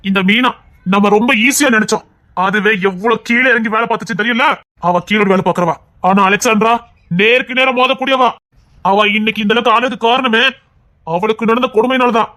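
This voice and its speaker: A blunt, fiercely loyal royal priest in a dramatic audio story, as a male storyteller voices him. He talks urgently and with warning, his fairly high voice climbing into loud bursts. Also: a little fast.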